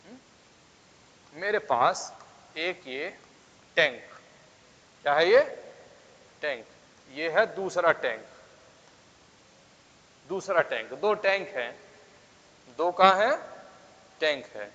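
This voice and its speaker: A man's voice: fairly high pitch, lively intonation, slow pace, pauses often, sharp tone. A male physics teacher lecturing a class, coaxing students with constant questions and asking for yes or no answers. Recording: dull sound with long reverb.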